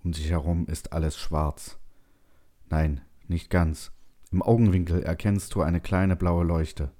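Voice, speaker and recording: A man narrating a second-person science fiction story in a slow, tense, measured way. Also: sits low, steady tone, dark tone.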